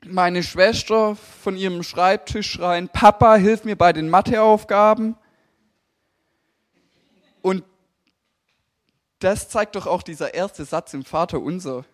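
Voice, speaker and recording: A young man preaching a sermon, lively and emphatic, speaking directly to the congregation. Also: high-pitched.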